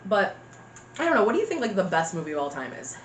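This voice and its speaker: A woman's voice: mid-range voice, big pitch swings, fast talker. A young woman hosting a mukbang, chatty and giggly, talking with her mouth full. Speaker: mukbang host. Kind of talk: casual chat. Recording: echoey room with faint noise.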